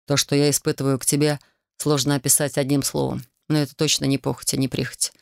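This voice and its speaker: A woman doing a calm, teasing male dragon. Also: rumbling low, quick pace, creaky, dry recording, clean studio sound. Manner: calm, teasing, soft and coaxing. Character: calm, self-assured male dragon in human form. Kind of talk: audiobook character voice.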